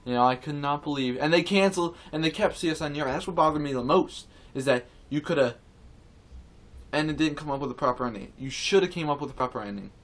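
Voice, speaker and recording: Talking fast in a slightly bright, high-leaning voice, a vlogger rants to the camera about his opinions. He comes across as indignant and sincere, rambling, repeating himself, and restarting frequently.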